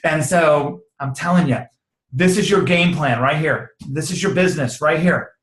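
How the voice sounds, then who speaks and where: A man giving a casual, energetic sales training talk, slangy and quick to act out sample conversations. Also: fairly high pitch. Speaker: network marketing trainer. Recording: roomy echo.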